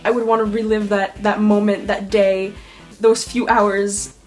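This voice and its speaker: A woman fan gushing about a concert, halting and restarting her sentences. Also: medium pitch, little pitch movement, a little mellow, faint music behind. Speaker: fan interviewee. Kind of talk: casual interview answer.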